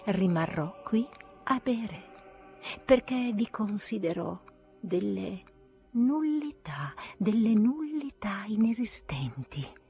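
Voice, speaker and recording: A woman's voice: mid-range voice, slow pace, gravelly, dark tone, soft background music, pitched above the performer's own voice. A woman reading an audiobook, voicing a bitter, feverish young male outcast who declaims shrilly and defiantly.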